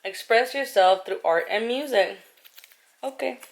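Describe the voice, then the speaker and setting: A woman's voice: a little high, measured pace, vocal fry. A young woman vlogging in a chatty, rambling way, full of fillers and asides, talking to a camera she holds close. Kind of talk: casual chat. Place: in a car, then at home. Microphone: camera held close.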